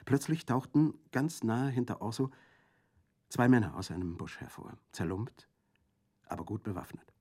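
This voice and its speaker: A man narrating a classic novel in a measured, even storytelling manner. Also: medium pitch, breathy edge. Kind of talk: scripted audiobook narration.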